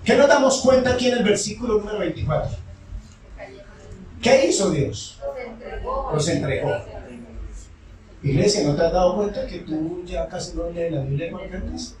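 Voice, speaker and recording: High-voiced man preaching in an echoey church. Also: animated, moderate pace, pauses often, darkish tone, slight background noise. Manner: asks the congregation questions and answers them himself. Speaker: pastor. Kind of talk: call-and-response sermon. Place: church sanctuary. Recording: echoey church hall from far off.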